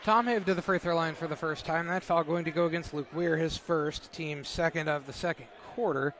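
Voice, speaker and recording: A man as color commentator at a high school basketball game, adding stats and easy analysis. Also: steady tone, a little fast, a bit bright. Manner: stat-focused, conversational analysis. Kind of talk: live sports commentary. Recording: noisy gym ambience behind.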